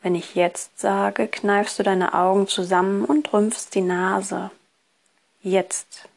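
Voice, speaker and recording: Slow, soothing hypnotist-like woman, very even. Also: mid-range voice, creaky. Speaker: relaxation course instructor. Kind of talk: guided relaxation, scripted instruction.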